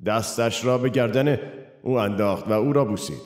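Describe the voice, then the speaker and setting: In this dubbed sermon, a man plays an earnest middle-aged preacher, his medium-pitched voice darkish and lightly acted. The pastor talks in a conversational way, asking his listeners questions, while faint music plays in an echoey hall.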